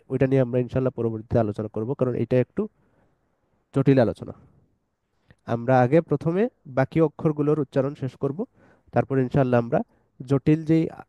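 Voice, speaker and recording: A man teaching an online tajweed lesson, explaining letter sounds patiently step by step and reciting verses slowly. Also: mid-range voice, mellow, no room sound, poor audio.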